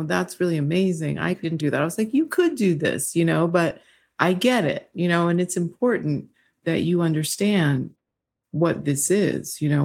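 Woman guest, gravelly and breathy, earnest and reflective. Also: low voice, a little mellow. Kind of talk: podcast conversation.

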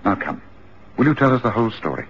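An actor playing Sherlock Holmes, a calm, commanding detective who talks in a measured and gently reassuring way. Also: male voice, medium pitch, slightly rough. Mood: soothing. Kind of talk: radio drama acting. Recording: muffled radio drama recording.

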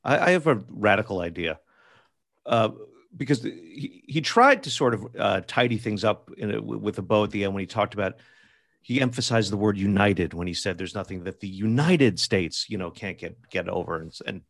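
A man on a political talk panel, speaking haltingly with many restarts while he lays out a hypothetical. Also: lowish voice, vocal fry, a bit bright, dry recording, studio quality. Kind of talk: political commentary.

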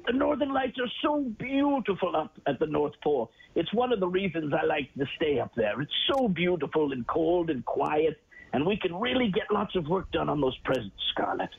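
A man's voice: on the high side, lively intonation, moderate pace, vocal fry, slightly rough, full character voice. A man playing Santa Claus, a jolly, kindly old man with an exclamatory, chuckling, avuncular manner, chatting with child callers. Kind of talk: in-character radio call-in chat with children. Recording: dull, noisy radio call-in sound.

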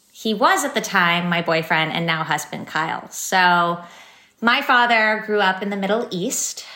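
Being interviewed on a podcast in an echoey room, a company founder from San Francisco, in her thirties, recounts her journey. She's cheerful and talkative, full of fillers, and her lowish voice sounds pushed and bright.

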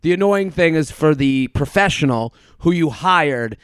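A man's voice: on the high side, animated, a little slow, clean tone, dry recording. A man co-hosting a podcast in loose, casual conversation. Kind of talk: casual chat.

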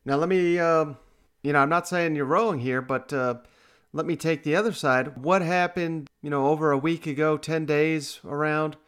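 A man's voice: a little high, fairly even intonation, moderate pace, fairly bright tone, clear, resonant tone. A man hosting a podcast, talking sports in a casual, conversational way. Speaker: podcast host.

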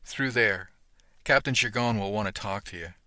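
A man reading the part of a brisk, friendly woman clerk who talks softly and teasingly. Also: on the low side, dry recording, studio quality. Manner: soft, teasing, encouraging.

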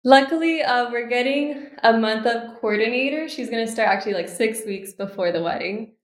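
In a roomy recording, a Miami woman in her twenties speaks at normal speed with a voice on the high side. As a podcast guest, this bride-to-be and law student keeps the casual interview positive, articulate and cheerful.

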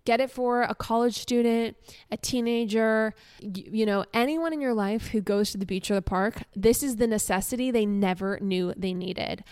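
A woman co-hosting a podcast in casual chat, talking eagerly and pitching products with enthusiasm. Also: normal speed, a little mellow, clear, resonant tone, dry recording, clean studio sound. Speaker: podcast co-host.

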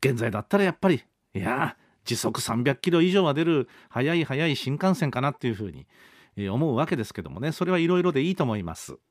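Man in his fifties, radio host; animated, swooping delivery, dry close studio sound. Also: medium pitch, quick pace, no echo. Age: 50s. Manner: chatty, polite and rambling. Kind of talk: casual radio chat reading listener mail.

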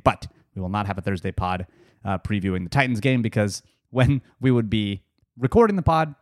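A man's voice: lowish voice, dry recording. Male podcast host, nasal and stuffy, casual sports chatter, dry booth sound. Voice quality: nasal from cedar fever. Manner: chatty, joking, loose fillers and laughs.

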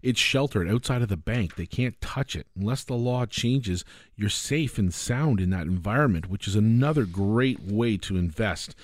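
Animated Canadian radio co-host, low voice. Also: male voice, moderate pace, dry recording. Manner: animated, acts out little scenes. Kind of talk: casual radio talk on finance.

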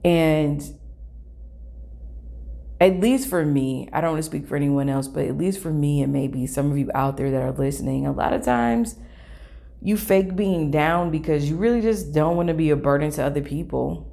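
A woman's voice: low-pitched, normal speed, vocal fry, warm tone. A woman talking earnestly and thoughtfully to her listeners, reflecting on personal struggles.

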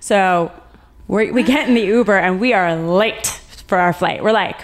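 A young woman chatting casually as a podcast guest, telling a story with quick laughs and acted-out quotes. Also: medium pitch. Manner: animated storyteller, laughs often, acts out quotes. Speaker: guest, recent bride.

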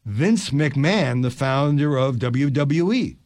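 On his podcast, an older man reads news stories, his pitch rising and falling with lively emphasis and dropping low for quick asides. The recording is close and dry, with no room sound at all.

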